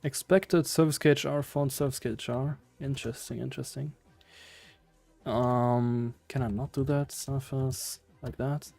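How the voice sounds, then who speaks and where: A man's voice: medium pitch, steady tone, unhurried, hardly any pauses, a little mellow, dry recording, faint music behind. A man with a German accent doing casual live coding commentary, hesitantly thinking aloud in fragments. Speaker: live-streaming programmer.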